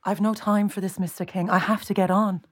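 A woman's voice: medium pitch, flat delivery, fairly quick, breathy edge, close to an everyday voice. A woman with an Irish accent playing a busy, blunt young care worker in a naturalistic audio drama. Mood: brisk, harried.

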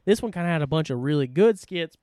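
Guy on a podcast gushing about skits, kinda high voice, dry close mic. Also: quick pace, no room sound. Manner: animated, laughing, acts out skit lines. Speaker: podcast co-host. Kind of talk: casual chat reviewing a comedy show.

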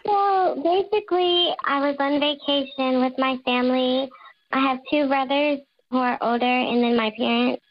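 High woman's voice through a voice changer. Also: normal speed. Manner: nervous, hesitant, filler-heavy storytelling. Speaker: anonymous caller confessing. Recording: dull lo-fi disguised line.

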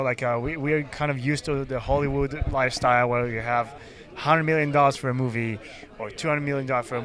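A man's voice: medium pitch, fairly bright tone. Earnest male film director. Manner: earnest, filler-heavy. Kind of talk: casual interview.

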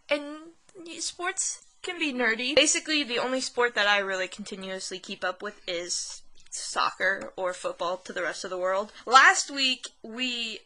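Bright-voiced young woman chatting casually. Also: mid-range voice. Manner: rambling, self-deprecating, laughs often. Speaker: podcast co-host. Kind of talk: casual chat.

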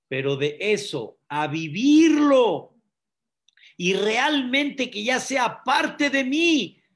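A rabbi delivers a sermon in a high voice, unhurried and deliberate. He preaches with emphasis, pausing on rhetorical questions to his listeners. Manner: acts out voices of people in his stories.

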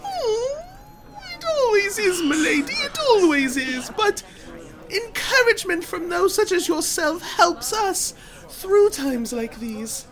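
An actor playing a grandiose travelling bard in a fantasy audio drama, with florid old-fashioned speech and dramatic pauses. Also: very high voice, very animated, a crowd in the background, exaggerated voice, low-quality recording. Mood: lamenting, grandiose. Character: flamboyant, grandiose travelling bard, theatrical storyteller.

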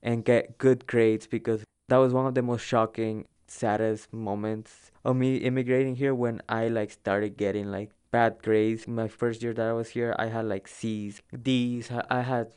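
A young man from El Salvador, a native Spanish speaker, telling his own migration story for an oral history in a halting way full of fillers. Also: medium pitch, level tone, darkish tone, smooth. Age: young adult.

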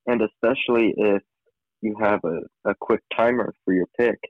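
A man's voice: fairly low pitch, normal speed, no echo. A man co-hosting a casual sports chat, heard over a crackly phone line and often restarting his phrases. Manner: restarts phrases, repeating words. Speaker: podcast co-host. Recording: tinny, crackly phone call.

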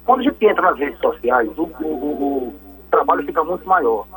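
A man calling in to a radio show to explain technology topics, heard over a phone line, speaking in a measured, explanatory way with frequent restarts. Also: fairly high pitch, lively intonation, fairly bright tone, soft background music.

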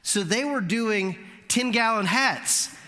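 Bright-voiced male pastor telling a story. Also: takes it slowly. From Florida. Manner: animated storytelling, voice climbing high at punchlines. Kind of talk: sermon storytelling. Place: church sanctuary. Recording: long hall reverb.

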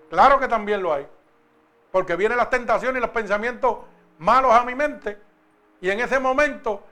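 A man preaching a sermon, talking with the congregation and asking them questions, then slowing down and stressing each word when he reads scripture. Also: extremely high pitch, sharp tone. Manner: slow, emphatic when reading scripture.

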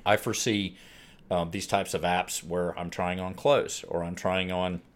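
A man talking as a podcast guest in a relaxed, plain-spoken way, repeating points for emphasis. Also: low voice, unhurried. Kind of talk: casual interview chat.

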